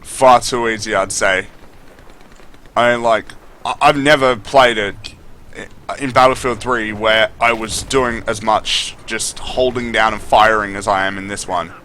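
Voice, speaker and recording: A man's voice: on the low side, steady tone, unhurried, pushed and bright, a little hiss or hum. A man giving unscripted, opinionated game review commentary as a video host, speaking bluntly with casual swearing.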